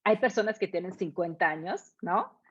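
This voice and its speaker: A woman's voice: fairly low pitch, animated, normal speed, husky. A woman, an English teacher explaining her method in an interview with emphatic repetition and rhetorical questions. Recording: dull lo-fi sound.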